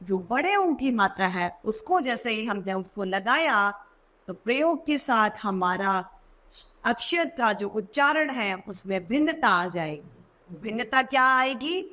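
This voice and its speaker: A woman teaching a children's Hindi lesson, sounding out words slowly and repeating them. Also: fairly high pitch, animated, pushed and bright.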